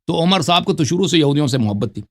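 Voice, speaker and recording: Insistent lecturing man, lively pitch. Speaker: debater. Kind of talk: heated debate call.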